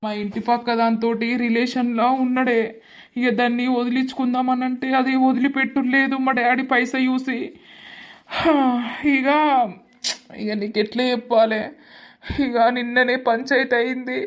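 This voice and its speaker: Young male cartoon student, sorrowful, a bit high-pitched, woman actor. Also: level tone, normal speed, close to an everyday voice. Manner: sorrowful, complaining. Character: young male college student, grieving family trouble. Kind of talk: village cartoon voice acting.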